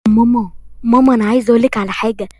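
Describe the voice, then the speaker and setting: A woman voicing a nervous young woman with an Egyptian accent, anxious and hurried. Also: on the high side, fairly even intonation, darkish tone, slightly rough, no room sound. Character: sweet young woman, nervous about her strict father.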